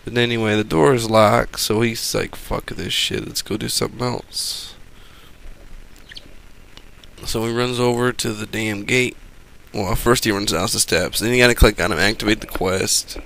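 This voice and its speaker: A man's voice: fairly low pitch, fairly even intonation, moderate pace, vocal fry, a bit bright. A man giving casual game commentary as a voice-over, rambling, profane and sarcastic.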